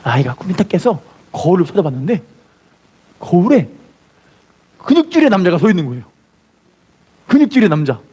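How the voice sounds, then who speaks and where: A man's voice: sits high, very animated, fairly quick, long pauses, dark tone, breathy edge. A man preaching a sermon as pastor, telling a story and acting out its voices, then leading the congregation to repeat after him. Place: church.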